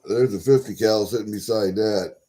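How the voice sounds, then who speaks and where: A man chatting casually to viewers as a livestream host, folksy and sweary, thinking out loud as he goes. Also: fairly low pitch, moderate pace, slight background noise. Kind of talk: casual rambling chat to viewers.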